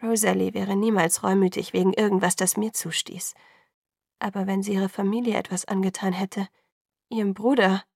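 A woman narrating an audiobook in the first person, measured and sometimes hushed. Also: medium pitch, steady tone, creaky, dry recording, studio quality.

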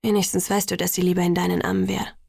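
A woman reading an audiobook, voicing a cocky, teasing young man in a lightly lowered voice. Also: little pitch movement, fast, creaky, a little mellow, no room sound, clean studio sound. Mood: smug teasing. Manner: smug and playful.

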